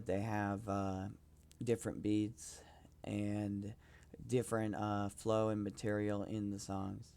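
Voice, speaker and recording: A man's voice: on the low side, darkish tone, clean tone. A young man rambling casually about his music on his own podcast, hesitant and self-promoting. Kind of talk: casual solo podcast talk.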